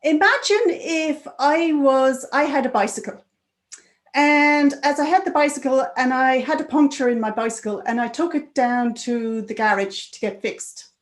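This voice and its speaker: A woman's voice: sits high, moderate pace, voice pushed up, natural voice. A woman voicing an Irish male trainer with an Irish accent, speaking in an incredulous, questioning way. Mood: quizzical.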